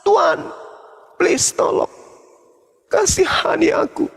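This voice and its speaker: Guy doing a high crying mom begging loud, echoey hall. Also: steady tone, slow, vocal fry, exaggerated voice. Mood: pleading. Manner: high, crying and shouted pleas. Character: desperate pleading mother, a woman begging. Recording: long hall reverb.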